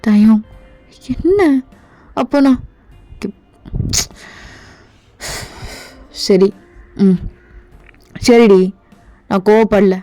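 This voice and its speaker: A woman's voice: medium pitch, drawn-out words, pauses often, warm tone, soft background music. A woman voicing an upset young girlfriend in a fan voice drama, with a hurt, defensive, pleading manner.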